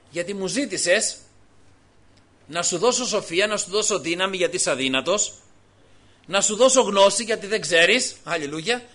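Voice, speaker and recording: A man preaching an impassioned sermon as pastor, swinging between hushed, intimate passages and loud calls, with frequent alleluias. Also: high voice.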